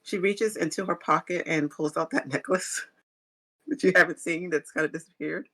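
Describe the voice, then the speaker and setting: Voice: medium pitch, steady tone, normal speed, fairly bright tone. A game master narrating a tabletop game, rambling loosely through scenes. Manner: rambling, with fillers and restarts.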